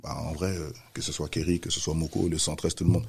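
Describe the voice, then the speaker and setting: A man telling a story in casual chat, animated, acting out the voices of the people he quotes. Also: very deep voice, fast talker, vocal fry, husky. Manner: animated, acts out quoted voices, many restarts. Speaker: music manager telling a story.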